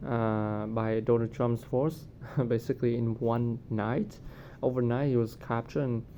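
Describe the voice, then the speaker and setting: A man giving casual, unscripted commentary on current events, hesitant and often searching for words. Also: warm tone. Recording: noticeable low rumbling background noise.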